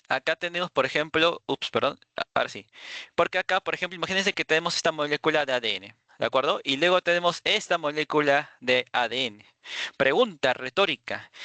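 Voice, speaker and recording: A man's voice: a little high, bright, forceful tone, no echo. A man teaching a workshop class from slides. He keeps checking in with his listeners and repeats words as he goes. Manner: checks in constantly with "de acuerdo"; repeats words, small restarts. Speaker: workshop instructor. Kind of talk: lecture with slides.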